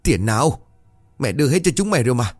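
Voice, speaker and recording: Old mother in a ghost story, high and tearful, a man putting on the voice; lively swings in pitch, dry close sound. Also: quick pace, breathy edge, no room sound, soft background music. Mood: pleading. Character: grieving old village mother, pleading.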